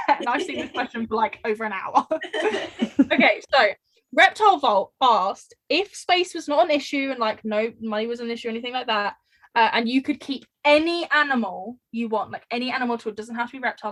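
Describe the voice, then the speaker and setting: A woman co-hosting a casual podcast, chatty and animated, telling stories with lots of fillers. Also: on the high side, brisk. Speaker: podcast co-host. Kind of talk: casual chat.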